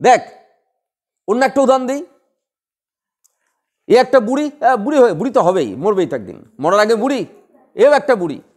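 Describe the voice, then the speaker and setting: A man's voice: sits high, sing-song, moderate pace, long pauses, darkish tone, slightly rough. A man teaching a class on poetic rhythm, who talks playfully, laughs often and acts out quarrels and recites verse. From West Bengal. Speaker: Bengali literature tutor.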